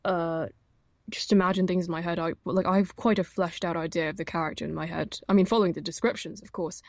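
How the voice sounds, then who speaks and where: Chatty young woman, low voice, dry sound. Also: fairly even intonation, fast talker, no room sound, lo-fi sound. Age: young adult. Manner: chatty, many fillers and restarts, laughs often. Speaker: audiobook narrator, guest. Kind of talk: casual interview chat.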